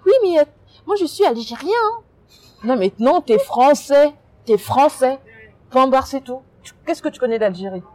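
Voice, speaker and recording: A woman from France being interviewed, talking in an emphatic, animated way with many restarts. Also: high-pitched, moderate pace. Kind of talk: casual interview.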